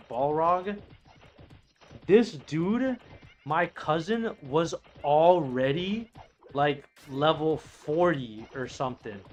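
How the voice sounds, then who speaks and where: He's a streamer in his late thirties playing an online game, reading viewers' messages aloud and chatting casually in a rambling, profane way full of restarted sentences. The voice is fairly high-pitched with a fairly bright tone.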